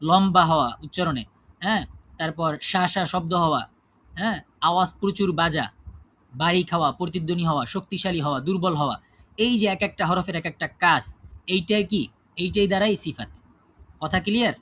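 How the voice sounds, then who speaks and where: A man teaches a class with a high-pitched voice. He asks the students questions and answers them himself. He keeps checking whether they follow him. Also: moderate pace, pauses often, fairly bright tone. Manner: checks understanding with frequent tag questions. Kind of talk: classroom lesson on Quran recitation rules.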